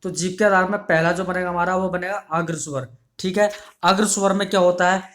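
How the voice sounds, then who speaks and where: A man's voice: high voice, steady tone, a little fast, a bit bright. A male teacher giving an online exam-prep lesson, explaining patiently, repeating key terms and asking the class questions. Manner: ends phrases with "ठीक है" checks.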